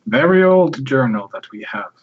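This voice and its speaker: A man plays his character in a tabletop game, calm and dry in how he speaks. His voice is husky and rough at the edges. The recording sounds dull and lo-fi. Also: medium pitch, normal speed. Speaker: player.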